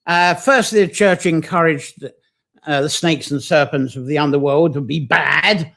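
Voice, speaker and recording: Guy running a folklore livestream, kinda high voice, chatty and rambly, reads out viewer comments. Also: unhurried, gravelly, a bit bright. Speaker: host of a live online folklore session. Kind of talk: informal live-streamed folklore talk.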